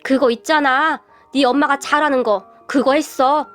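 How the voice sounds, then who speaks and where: Woman doing an older father-in-law, gleeful, grave, high-pitched. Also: lively intonation, moderate pace, a bit bright, faint music behind.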